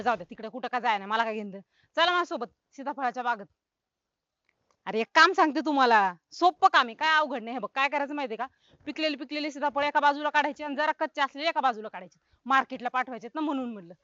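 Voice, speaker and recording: An actress playing a loud, bossy village woman who talks in a rustic, scolding way. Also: high voice, fast talker, no echo. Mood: bossy, puzzled. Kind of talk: comic web film acting. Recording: dull, dry film sound.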